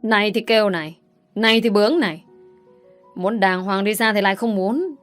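Vicious angry husband yelling threats, read by a woman, audio story. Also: medium pitch, normal speed, faint music behind, lightly acted. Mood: savage. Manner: shouting, abusive, threatening. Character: brutal young husband, hot-tempered man.

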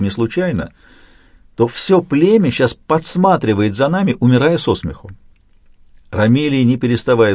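A man reading a first-person novel aloud as an audiobook narrator, with an expressive, dramatic delivery. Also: no echo, studio quality. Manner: expressive, dramatic reading with wide swings in pitch.

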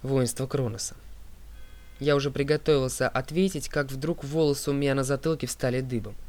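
A man reading an audiobook as narrator, in a steady, clear voice that drops low on speaker tags. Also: quick pace. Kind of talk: scripted narration.

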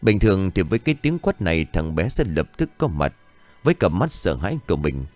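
A man narrating a village ghost story in a steady, expressive storytelling voice. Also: low voice, a little fast, soft background music. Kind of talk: scripted horror story narration.

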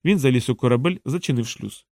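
Calm man reading a novel, dry sound. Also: mid-range voice, quick pace, no room sound. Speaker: audiobook narrator. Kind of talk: scripted novel narration.

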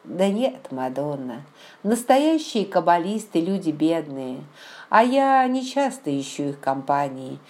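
A teasing, jovial male apothecary in an audiobook, as a woman narrator puts him on. He talks low and slow, with a confiding chuckle in his voice. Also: very animated, darkish tone, full character voice.

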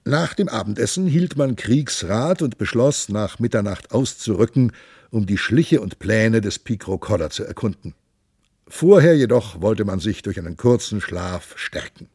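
Gravelly, husky male storyteller. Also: on the low side, no echo, clean studio sound. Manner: expressive, unhurried storytelling with character voices. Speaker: narrator. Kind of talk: audiobook reading.

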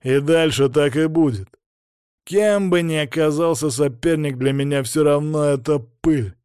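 A man voicing a boastful adult male fighter who acts as a prison boss, slow, loud and swaggering, in an audiobook. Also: on the high side, clean tone, dry recording, studio quality, lightly acted.

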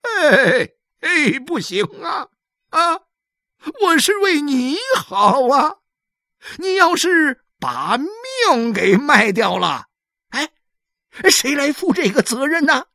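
A loud, blustering boss of a blood station scolds in a high, strained voice, as a woman puts him on for a storybook reading. His voice leaps wildly up and down, and the recording is dry and close. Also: sing-song, takes it slowly, dry recording, exaggerated voice. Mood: scolding. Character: blustering bossy man in charge of blood selling.

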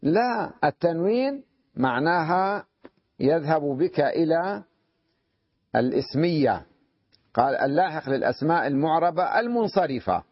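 Higher-voiced man teaching grammar, lo-fi. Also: expressive, no room sound. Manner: checks understanding with frequent questions to students; slows down to read out quoted lines. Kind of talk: classroom lesson. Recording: dull lo-fi lecture recording.

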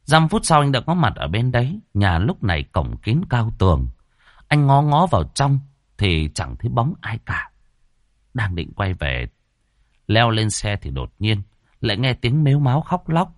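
A man's voice: mid-range voice, big pitch swings, measured pace, no echo, clean studio sound. A man telling a ghost story in scripted, dramatic narration.

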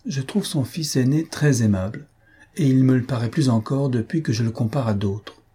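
A dignified young woman answers with firm, measured restraint, as a male reader voices her. Her voice sits well above the reader's own register and carries a soft, breathy grain. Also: medium pitch, pitched above the performer's own voice.

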